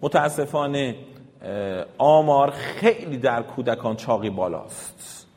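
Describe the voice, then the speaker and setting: A man with a fairly high voice teaches a class of parents about health, firing questions at the room and coaxing everyone to answer and read aloud together. His voice rings with the long reverb of a large lecture hall. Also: lively intonation. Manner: quizzes the audience and leads call-and-response. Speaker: health educator.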